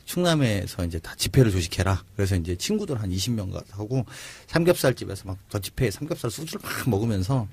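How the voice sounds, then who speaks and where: A middle-aged man with a Chungcheong Korean accent, a lawmaker guest telling stories on a talk show and acting out quoted remarks in a slow drawl. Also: on the low side, sing-song, darkish tone, slightly rough, no room sound. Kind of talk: casual political talk show chat.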